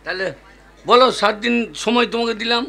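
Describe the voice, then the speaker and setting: An actor playing a lecherous, scheming older village villain in folk stage theatre, coaxing and repeating himself with comic exaggeration in a gravelly voice. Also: male voice, very high-pitched, fairly even intonation, fairly quick. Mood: pleading, besotted. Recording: loud live music accompaniment.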